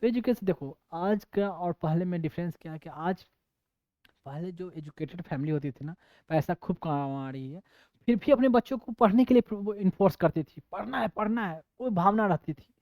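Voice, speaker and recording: A man's voice: sits high, normal speed, dry recording. A man teaching an exam coaching class in a casual, digressive lecture style, often mixing in English terms. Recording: dull lo-fi dry recording.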